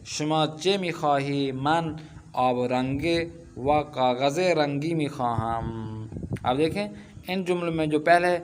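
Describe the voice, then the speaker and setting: A man's voice: on the high side, background noise. Man teaching Persian, explaining patiently. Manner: explains slowly with many filler sounds; reads Persian sentences, then explains in Urdu. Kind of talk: online language lesson.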